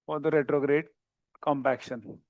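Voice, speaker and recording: Man, Indian accent, surgeon's live commentary, slightly high pitch, flat intonation, dry close sound, terse commands. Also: normal speed, dry recording. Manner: terse, clipped commands to assistants. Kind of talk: live procedural commentary and instructions.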